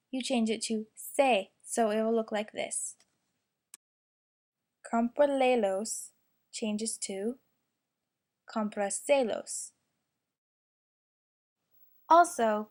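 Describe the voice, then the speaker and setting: A young woman slowly and carefully reading out a lesson, explaining grammar and its examples. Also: on the high side, darkish tone. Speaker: student presenter. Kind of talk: instructional narration.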